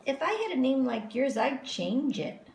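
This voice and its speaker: Haughty know-it-all schoolgirl for a storybook, voiced by a woman: pointed, teasing, raised pitch. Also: sing-song, unhurried, creaky, darkish tone, full character voice. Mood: smug taunting. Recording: roomy echo, faint noise.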